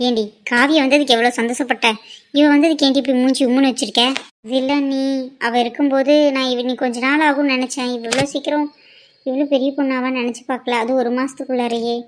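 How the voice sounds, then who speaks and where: A woman's voice: sits high, lightly acted. A woman voicing a chatty middle-aged mother gossiping with her sister-in-law in a cartoon.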